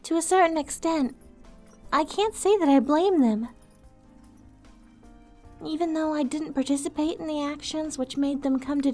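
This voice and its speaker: In an ASMR roleplay, a woman with a high voice plays a gentle, weary vampire outcast. She is soft-spoken, wistful and earnest, and her wording is formal.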